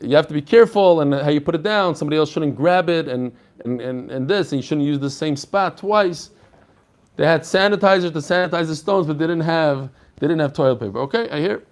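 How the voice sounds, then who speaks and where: A man's voice: on the high side, brisk. A man giving an informal religious lesson as a rabbi, explaining conversationally and posing rhetorical questions. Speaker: rabbi teaching a daily Talmud class.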